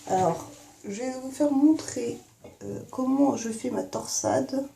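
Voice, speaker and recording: A woman's voice: sits high, expressive, takes it slowly, creaky, dark tone. A young woman casually talking through a hair and makeup tutorial in her bathroom, recorded on a phone headset mic, with lots of fillers. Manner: chatty, many fillers and "en fait". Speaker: beauty vlogger.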